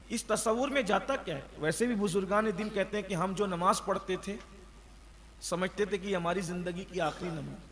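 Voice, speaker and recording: A man delivers a sermon, his voice pitched high. He exhorts his listeners and asks rhetorical questions. The sound rings with long reverb, as in a large hall. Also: a bit bright. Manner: exhorting, rhetorical questions, chants the creed slowly. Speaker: preacher. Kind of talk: Ramadan sermon.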